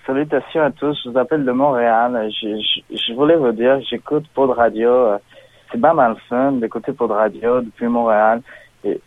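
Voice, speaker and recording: A man's voice: mid-range voice, steady tone, normal speed, no room sound, phone-quality sound, lightly acted. A man putting on a caller from Montreal who stammers and repeats words, heard as an answering machine message. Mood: chatty. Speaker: fake caller.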